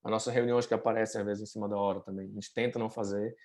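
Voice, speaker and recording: A man, a guest chatting casually over a video call with many fillers. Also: lowish voice. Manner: fast, relaxed, many fillers. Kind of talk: casual interview chat.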